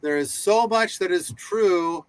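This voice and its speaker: A man hosting a casual discussion, speaking slowly and eagerly with plenty of restarts and asides. His voice sits a little high, and the sound is close and dry. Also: clear, resonant tone, no room sound. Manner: enthusiastic, rambling with many restarts. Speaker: host.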